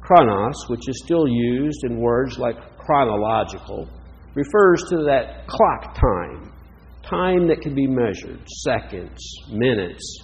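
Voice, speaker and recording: A man delivers a reflective sermon at a slow, deliberate pace, his pitch moving expressively through each phrase. His voice carries the long reverb of a large hall. The recording sounds muffled and lo-fi. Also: expressive. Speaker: preacher.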